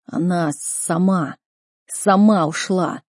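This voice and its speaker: A man's voice: high voice, no room sound, clean studio sound. A woman playing a sobbing broken old duke. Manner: slow, sobbing, tired. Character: broken, weeping older duke and father.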